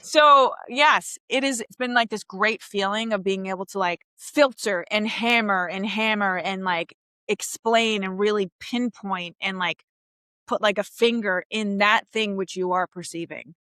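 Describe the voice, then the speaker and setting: A woman comedian from Queens talks in a lively, chatty way, acting out other people's voices as she goes. Her voice is bright and forward. The sound is close and dry, with no room around it. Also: medium pitch, measured pace, no echo. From Queens, New York. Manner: animated, laughing, acts out quoted voices. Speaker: comedian guest. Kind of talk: casual interview chat.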